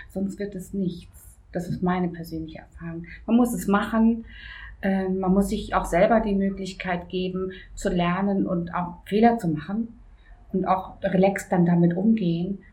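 A woman in her late fifties, answering interview questions in a measured, frank and down-to-earth way. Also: mid-range voice, a little mellow. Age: 50s. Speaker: interview guest.

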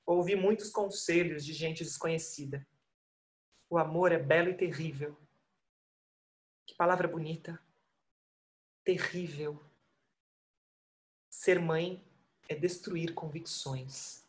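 A woman performing a monologue as an exhausted new mother, speaking in weary, halting, intimate phrases. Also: deep voice, steady tone. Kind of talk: theatrical monologue.

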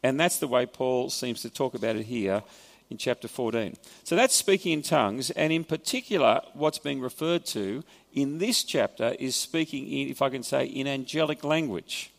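The speaker is a pastor with an Australian accent preaching in a church hall, his sound big and roomy. He talks at normal speed in a medium-pitched voice with vocal fry, explaining scripture conversationally with wry asides.

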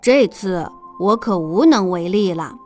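A woman voicing a kind, reassuring doctor in a children's storybook reading, pitched lower than her narration. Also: expressive, unhurried, faint music behind, natural voice. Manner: gentle, reassuring. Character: kind, calm village doctor.

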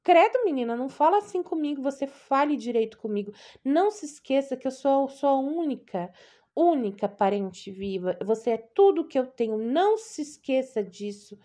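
A high, gushing older aunt, doting and bossy, who scolds and fusses over her niece on the phone, as a woman puts her on. Her voice rides well above a plain speaking pitch, showering endearments between reproaches. It sounds like a storybook reading. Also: very animated, moderate pace, dark tone. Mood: fussy.

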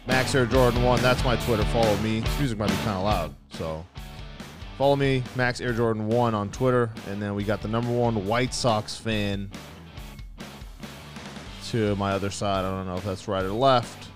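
A young man hosting a casual sports podcast, talking fast with joking, profane banter. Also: on the low side, over music. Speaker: podcast host.

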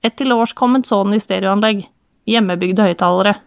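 Woman reading a brisk Southern Norwegian male auctioneer for an audiobook, chatty wry patter, dry studio sound. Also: high voice, creaky, clean tone, no echo.

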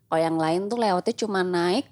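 A woman casually telling a spooky story, acting out the quoted lines with big jumps in pitch. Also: normal speed. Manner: animated, acts out quotes with big pitch jumps, laughs often. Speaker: storyteller guest.

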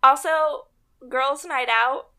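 A woman's voice: high voice, steady tone, slow, pushed and bright. A woman co-hosting a podcast, chatting casually and leaning on "like" a lot. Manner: chatty, heavy use of "like". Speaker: podcast co-host. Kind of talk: casual chat.

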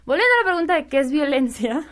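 A woman's voice: sits high, lively intonation, fast talker, fairly bright tone. A woman talking about parenting in a casual conversation, rambling and checking in with tag questions. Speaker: parenting speaker.

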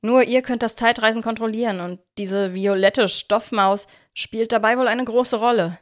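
A woman voicing a secretive, excitable young male detective, talking in a hurried, eager way. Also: mid-range voice, natural voice.

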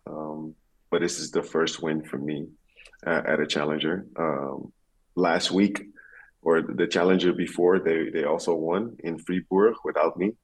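Male athlete interviewee, extremely low husky voice, reflective and halting. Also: rough recording. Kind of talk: conversational interview answers.

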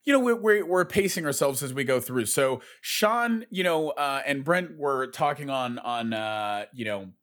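A man's voice: mid-range voice, expressive, a little slow, hardly any pauses, fairly bright tone. A man co-hosting a casual podcast, clarifying points in a hesitant, circling way. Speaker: podcast co-host.

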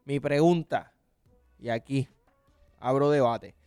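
A man's voice: medium pitch, slow pace, warm tone, clear, resonant tone, dry recording, clean studio sound, faint music behind. A man hosting a casual sports podcast, laid-back and lightly teasing, often chuckling. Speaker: podcast host.

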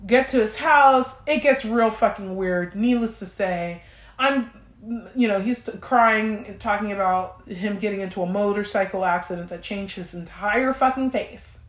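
Profane, animated woman telling stories in a roomy space. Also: medium pitch, moderate pace. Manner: profane, animated, quoting herself and others. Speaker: podcast host. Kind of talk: casual storytelling. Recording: roomy echo.

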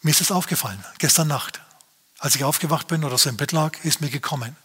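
Pastor guy preaching, earnest, talks right at you, bit husky and sharp. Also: fairly high pitch, fast talker. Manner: earnest preaching, speaks straight to listeners. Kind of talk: sermon.

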